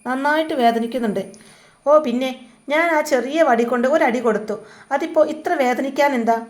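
A woman's voice: high-pitched, moderate pace, close to an everyday voice. A woman reading a curt, dismissive young husband.

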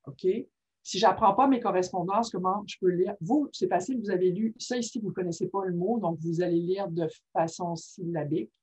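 Husky woman presenter. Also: fairly low pitch, normal speed. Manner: checks in constantly with "ok?", lively and informal. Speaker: workshop presenter on reading disorders. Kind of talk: conversational teaching talk. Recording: muffled lo-fi recording.

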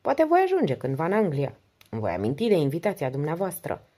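A woman voicing a beautiful young woman in an audiobook, speaking softly and wistfully. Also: deep voice, wildly swooping pitch, exaggerated voice.

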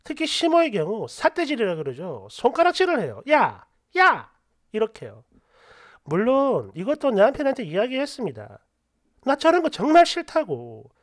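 Lively woman reading story posts aloud. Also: a little high, moderate pace, dry recording, studio quality. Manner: lively, expressive storytelling with sharp asides. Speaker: story channel narrator.

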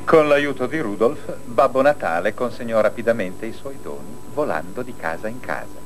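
A man narrating a children's cartoon tale as an expressive storyteller. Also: mid-range voice, moderate pace, faint music behind. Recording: old noisy film soundtrack.

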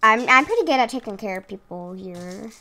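A woman's voice: fairly high pitch, expressive, fairly quick, sharp tone. A woman chatting casually through a game at home, rambling and laughing at herself, talking into her own microphone. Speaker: gaming video host. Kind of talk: casual let's-play commentary. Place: room at home with her cat. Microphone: own desk microphone.

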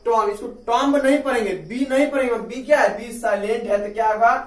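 A man's voice: extremely high pitch, brisk, far from the mic. A man with an Indian accent teaching an English video lesson, often asking a question and answering it himself. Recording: echoey room, off-mic.

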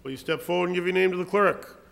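In a large council chamber, a middle-aged man serving as council president runs a public hearing by procedure, speaking formally. His voice sits high and sounds gravelly, he talks fast, and the recording is very noisy.

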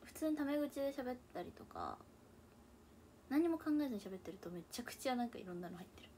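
A young woman with a mixed Hakata and Kansai dialect chats casually into a tablet in her room at home. Her voice sits a touch high, and she keeps slipping into quiet murmured asides to herself. A faint hiss runs under her voice. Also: big pitch swings, fast talker. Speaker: idol livestreamer. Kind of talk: casual livestream chat. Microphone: tablet or phone device.

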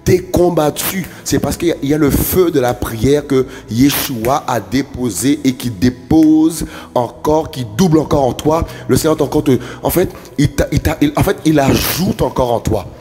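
A man's voice: a little high, normal speed, few pauses. A man preaching in a fervent prophetic worship style, repeating phrases over and over like a chant. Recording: long hall reverb with soft music. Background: soft worship music.

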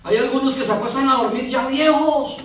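A man's voice: very high-pitched, brisk, a bit bright. A man preaching a sermon as pastor, telling stories and acting out little scenes in changing voices. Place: church. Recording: echoey church hall from far off.

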